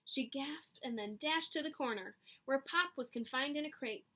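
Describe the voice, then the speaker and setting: In a high-pitched, sharp-toned voice at a moderate pace, a woman reads a children's picture book aloud. She tells it expressively with dramatic emphasis, adding asides to the children as a teacher would.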